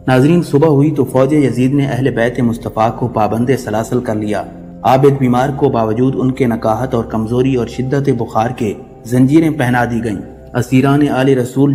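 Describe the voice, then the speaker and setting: A man's voice: mid-range voice, warm tone. A man narrating a devotional story in a solemn, mournful storytelling manner. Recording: long reverb with background music.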